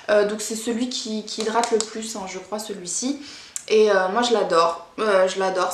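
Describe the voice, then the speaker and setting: A young woman from Brittany reviewing beauty products in a chatty, rambling way, full of hesitations. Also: mid-range voice. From Brittany, France. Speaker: beauty vlogger. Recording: echoey room with faint noise.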